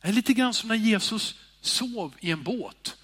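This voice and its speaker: High-voiced preacher in a reverberant church. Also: male voice, breathy edge. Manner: expressive, swings between loud calls and hushed sighing whispers. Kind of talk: sermon.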